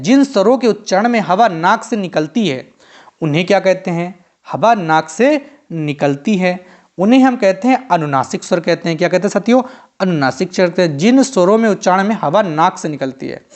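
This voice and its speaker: A male teacher running an exam-prep grammar lesson, drilling students with quick repeated questions and answers. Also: sits high, darkish tone. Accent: Hindi-belt Indian.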